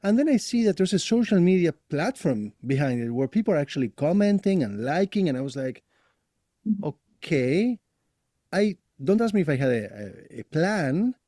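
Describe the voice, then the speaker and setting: A man from Argentina in his forties, a podcast guest who tells his career story with animated energy and frequent laughter. His voice has a dark, warm tone. The sound is dry and close. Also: on the high side, normal speed, no room sound. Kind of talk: casual interview.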